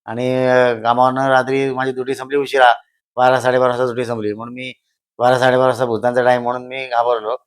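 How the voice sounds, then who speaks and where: An older man, telling stories at a slow pace and repeating phrases for emphasis. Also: medium pitch, level tone, clear, resonant tone. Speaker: guest, host's father. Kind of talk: casual storytelling.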